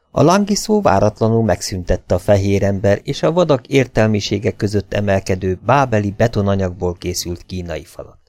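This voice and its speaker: Male audiobook reader, lowish voice, animated delivery, dry close sound. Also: dry recording. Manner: lively, expressive storytelling. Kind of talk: audiobook narration of a humorous novel.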